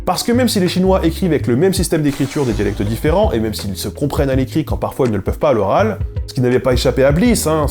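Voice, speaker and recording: A man hosting an educational channel, delivering scripted narration in a brisk way with wry, ironic asides. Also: medium pitch, mellow. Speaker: YouTube linguistics host.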